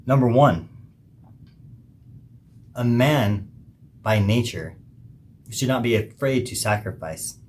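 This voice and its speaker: A man hosting a podcast, giving an emphatic, preachy monologue with pauses between phrases. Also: medium pitch, lively intonation, a little hiss or hum. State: hiccuping. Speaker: podcast host. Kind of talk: opinionated monologue.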